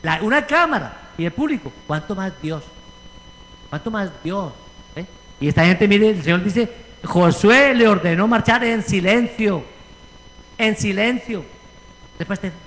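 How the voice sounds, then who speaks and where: Casting: Puerto Rican male pastor, high bright voice, lively preaching, long church reverb. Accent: Puerto Rican Spanish. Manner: animated preaching, acting out quoted voices. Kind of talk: sermon with congregation discussion. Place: church sanctuary.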